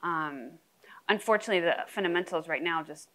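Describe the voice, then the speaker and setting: A woman in her thirties, a research head, giving measured, frank answers on a conference stage through a lapel mic. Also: lowish voice, a bit bright, poor audio. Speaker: head of international research on a panel. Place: conference stage before a live audience.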